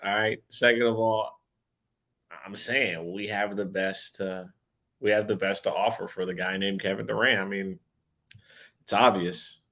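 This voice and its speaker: A man's voice: on the low side, normal speed. Man ranting about sports, swearing freely. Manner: animated ranting, heavy swearing. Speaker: podcast co-host. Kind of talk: casual sports chat.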